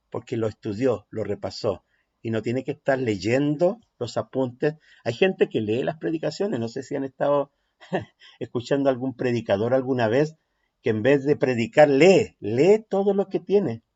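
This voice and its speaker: A middle-aged man teaching an online preaching workshop, emphatic and lively, pausing to check that listeners follow. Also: mid-range voice. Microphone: computer mic on a video call. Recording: dull, lo-fi sound.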